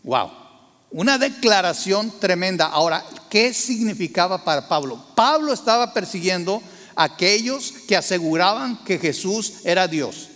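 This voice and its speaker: A man's voice: high-pitched, animated, moderate pace, fairly bright tone, long reverb tail. A man preaching a sermon, asking the congregation questions and acting out quotes. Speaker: pastor.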